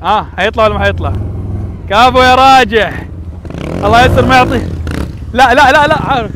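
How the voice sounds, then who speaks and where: Excited high-voiced Gulf Arabic man, outdoors. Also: very fast, slight background noise. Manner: shouting, cheering, teasing drivers. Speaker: channel host filming from the crowd. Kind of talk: excited live commentary on off-road driving. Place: outdoors at sand dunes.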